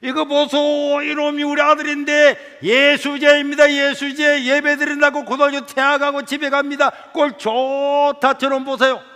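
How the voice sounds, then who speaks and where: Preacher playing a tearful, shouting Gyeongsang mother, high and piercing, in a ringing hall. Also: level tone, brisk, full character voice. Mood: bitter mocking. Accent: Gyeongsang Korean. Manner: loud, wailing scolding. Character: weeping, scolding older working mother.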